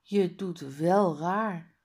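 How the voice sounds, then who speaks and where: A patient, gently firm schoolteacher from a children's storybook, as a woman puts her on while reading aloud. She speaks softly and quietly at a very slow, deliberate pace. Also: lowish voice, husky, full character voice. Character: calm, patient female schoolteacher.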